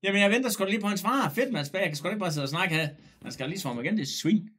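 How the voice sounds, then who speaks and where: A man streaming live, chatting casually and loudly, joking, swearing and greeting viewers by name. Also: high-pitched, animated, a little hiss or hum.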